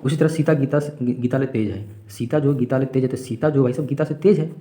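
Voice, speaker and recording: A man's voice: medium pitch, fast talker, warm tone. A man teaching a grammar lesson for exam preparation, explaining step by step, repeating examples and asking rhetorical questions.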